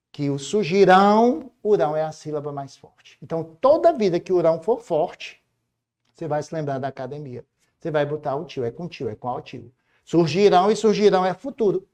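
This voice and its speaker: A middle-aged Brazilian man teaching a grammar lesson for exam students. He jokes as he goes and slows down to stress each example phrase. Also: on the high side. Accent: Brazilian Portuguese. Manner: animated, jokey, stresses example phrases slowly. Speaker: Portuguese teacher.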